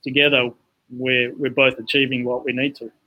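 On a low-quality recording, a medium-pitched man speaks at a moderate pace with a sharp tone and little pitch movement. He's a Zambian-born, English-raised futsal organisation founder explaining his work at length as a casual podcast guest, often saying "you know."

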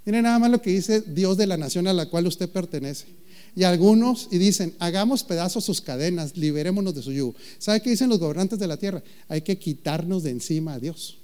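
A male pastor preaches in a fairly high voice. He jokes with the congregation, throws questions at them and stretches out key phrases with slow, deliberate emphasis. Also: animated, warm tone, clear, resonant tone. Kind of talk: sermon.

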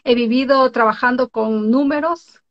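A woman from Ecuador hosts a live online interview show from home. Her voice sits a little high, and she talks in a chatty, exclamatory way with frequent laughs. The call audio sounds dull and lo-fi. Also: normal speed. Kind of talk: casual live-stream chat. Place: home in Norway. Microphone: video call.

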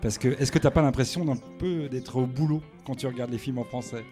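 A man interviewing a guest, asking his questions in a measured, hesitant way. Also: mid-range voice, music in the background.

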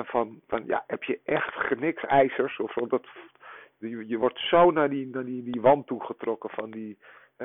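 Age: 40s. Sex: man. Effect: voicemail over a tinny phone line. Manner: halting, many fillers. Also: on the low side, a little hiss or hum. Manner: halting, full of hesitations and filler sounds. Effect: voicemail message played over a phone line. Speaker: podcast co-host. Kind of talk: rambling spoken voicemail.

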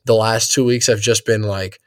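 A man's voice: fairly low pitch, fairly even intonation, moderate pace, dry recording, clean studio sound. A young man hosting a casual gaming podcast, rambling and laid-back, laughing often as he talks. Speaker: podcast host.

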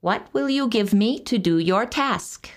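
A woman reading a storybook and voicing a droll, wily little dwarf with a slow, sly drawl that breaks into sing-song chanting. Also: medium pitch, animated, voice pushed up, close to an everyday voice.

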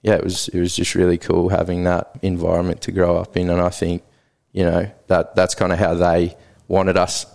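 A South African man in his thirties, a native Afrikaans speaker, rambles casually as a podcast guest in a conversational interview. His low-pitched voice moves at normal speed with vocal fry and hardly any pauses, and he's relaxed, leaning heavily on fillers like "like" and "sorta".

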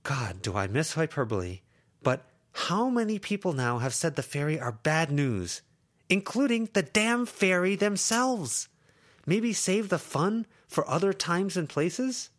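Here a male narrator plays an upset, protective teen girl in an audiobook, lecturing her friends so intensely that she climbs to shouting. His mid-range voice turns sing-song, pitched above his natural register, at a moderate pace and only lightly acted.

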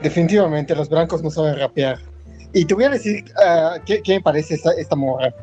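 A man's voice: on the high side, a little fast, mellow. A man with a Mexican accent co-hosting a podcast, mocking things in casual slang. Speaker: podcast co-host. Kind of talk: casual comedic commentary. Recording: dull lo-fi podcast audio, faint music.

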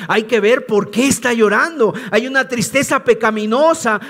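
A man's voice: very high voice, a bit bright. A man preaching a sermon in an emphatic way, repeating key phrases and asking questions to teach.

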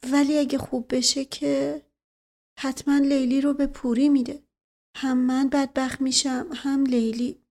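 A fretful young man in love, earnest and pleading, his questions halting and unsure, put on by a woman reading an audiobook. The voice sits a little high. It reads as a storybook character rather than a plain narrator. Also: darkish tone.

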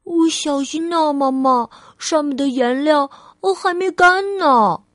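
A curious, anxious little girl from a storybook, speaking in a high, eager child's voice, as a woman reads her lines. Her questions come slowly, one careful word at a time. The sound is dry and close. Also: no room sound. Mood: excited. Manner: asks questions in a higher, louder child voice.

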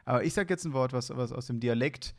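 A man's voice: mid-range voice, quick pace. A young man from Hesse, chatting casually as a podcast co-host, playful and laughing, often restarting his sentences. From Hesse, Germany. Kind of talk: casual chat.

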